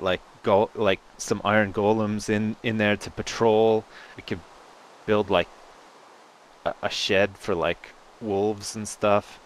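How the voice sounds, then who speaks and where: Low-voiced man doing sweary game commentary. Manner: sweary, rambling, mock-dramatic. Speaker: gaming video co-host. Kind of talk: casual, jokey gameplay commentary.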